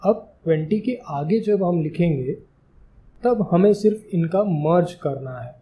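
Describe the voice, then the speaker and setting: A man's voice: on the high side, animated, unhurried, dull audio. A man teaching a spoken English lesson, spelling words out letter by letter in a careful, explaining manner.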